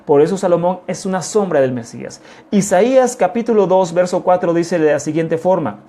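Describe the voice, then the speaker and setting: A man gives a teaching sermon in a soft, mellow voice. He talks in an unhurried way, returns to his key phrases again and again and keeps turning to his listeners with questions. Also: high-pitched, expressive. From Mexico. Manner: repeats key phrases, often calls listeners "amados"; deliberate, unhurried explanation with rhetorical questions. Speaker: congregation teacher.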